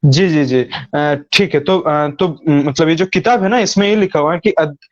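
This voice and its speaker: High-voiced man on a breaking-up call line. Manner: halting, with many fillers and repeats. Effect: bad call connection that breaks up. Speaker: guest. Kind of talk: explaining religious views in a call-in discussion. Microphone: video call. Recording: dull lo-fi call audio breaking up.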